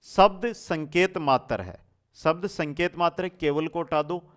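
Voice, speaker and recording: A man's voice: a little high, unhurried, a bit bright. A man with a Rajasthani Hindi accent teaching an exam coaching lesson from India, quizzing students and answering his own questions.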